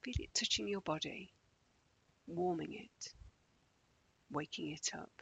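Man, very gravelly and breathy, fairly high voice, soothing guided meditation, gentle near-whispered instructions. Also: a little slow, low-quality recording.

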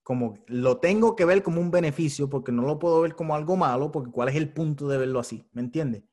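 A man's voice: a little high, fast talker, darkish tone. Frank, profane man chatting casually. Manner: frank and profane, thinks aloud. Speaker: podcast host. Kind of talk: casual chat.

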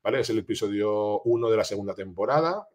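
A man with a fairly low voice talks like a teacher walking colleagues through a class project. He speaks informally and often checks in with little tag questions. He restarts and repeats words as he thinks aloud. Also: expressive, fast, darkish tone. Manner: informal, with many fillers like ¿vale? and ¿no?. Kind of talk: explaining a classroom project in a talk.

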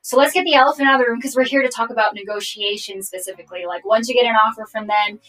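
A young adult woman hosting a casual live-streamed interview, chatty with many fillers, heard through low-quality stream audio. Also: very fast, a bit bright. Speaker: host. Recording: distant low-quality stream mic, faint music.

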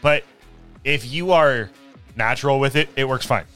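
A man's voice: mid-range voice, normal speed, bright, forceful tone, faint music behind. A man co-hosting a casual podcast chat, matter-of-fact and dry, swearing casually.

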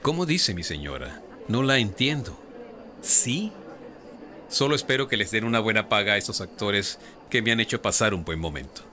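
A man playing a courtly, jovial statesman and military leader in an audio drama, flattering and formal in address. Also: lowish voice, normal speed. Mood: charmed.

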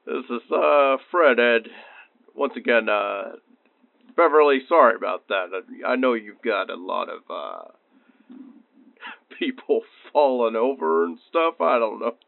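A man playing a lazy male assistant fire chief who talks haltingly with radio sign-offs, heard over a police-style two-way radio. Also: mid-range voice, lively intonation, vocal fry, no room sound. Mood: casual. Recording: tinny radio line, dry.

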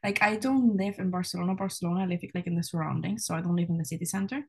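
A woman's voice: fairly low pitch, racing, creaky, darkish tone, husky. A young woman from Spain, a university student, chatting casually as a podcast guest, with many "like" and "you know" fillers. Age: young adult.

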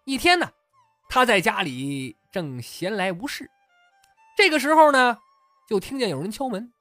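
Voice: mid-range voice, very animated, moderate pace, a bit bright, no echo, faint music behind. A storyteller telling a comic tale casually, chuckling along and using many fillers. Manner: chatty, laughs at own story, many fillers. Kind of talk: comic oral storytelling podcast.

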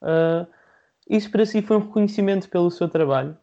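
Formal interviewer, mellow dark voice, muffled lo-fi recording. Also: mid-range voice. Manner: formal, measured questions. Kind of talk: interview questions.

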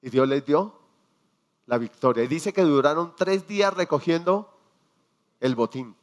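A man preaching a sermon, quizzing his congregation and acting out quiet prayers and dialogue. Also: on the high side, expressive, measured pace. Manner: asks the congregation questions and answers them; acts out prayers and dialogue in a hushed voice.

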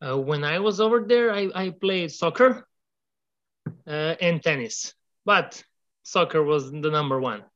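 Young man, rather high voice, hesitant, dull lo-fi line. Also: fairly bright tone. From Serbia. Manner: halting, hesitant, searching for words. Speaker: guest, former exchange student. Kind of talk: remote interview conversation.

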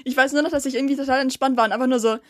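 A young woman co-hosting a casual chat, relaxed, laughing along and acting out other voices when she tells a story. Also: high voice, rapid-fire, no room sound, clean studio sound. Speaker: podcast co-host.

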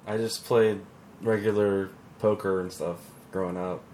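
A man co-hosting a podcast in casual chat, relaxed and rambling with fillers and restarts. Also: sits low, a little slow, slight background noise. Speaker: podcast co-host.

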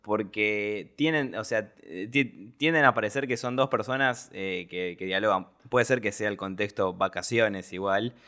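A man's voice: fairly low pitch, a little slow, hardly any pauses, sharp tone. A man with an Argentine accent chatting casually about a film, hesitant and colloquial, with many fillers. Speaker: podcast film critic.

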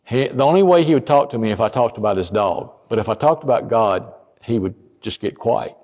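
A man, a pastor telling a story in a sermon, folksy and rising to loud emphatic peaks. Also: lowish voice, expressive, a little fast, in a large hall, highs cut off.

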